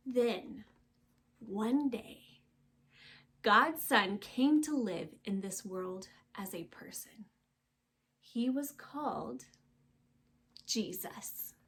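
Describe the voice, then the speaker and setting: A woman's voice, a touch high and a bit rough, brings a children's storybook to life with expressive, emphatic reading. She pauses for drama and softens to a whisper at the ends of phrases.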